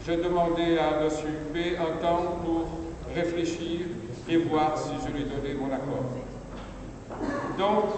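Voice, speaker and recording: A middle-aged sculptor speaks slowly and haltingly, stopping often to search for words. His fairly high voice rings through a stone cloister, picked up from far off. A low hum of ambient noise sits underneath. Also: very echoey, in a large hall. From Brazil. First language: Portuguese. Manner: slow, hesitant, searching for words. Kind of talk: opening speech at an exhibition. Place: abbey cloister.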